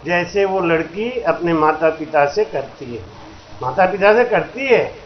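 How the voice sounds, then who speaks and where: A man giving a storytelling sermon at a satsang, acting out characters in folksy dialogue and breaking into slow sung verses. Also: on the high side, animated. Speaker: spiritual teacher giving a satsang discourse. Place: religious gathering hall. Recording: roomy, dull lo-fi recording with faint noise.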